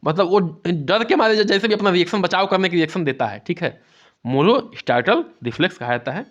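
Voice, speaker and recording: A man's voice: sits high, expressive, brisk. A man giving an exam-prep lecture and explaining things with a lot of repetition, often asking "theek hai". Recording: dull lo-fi sound.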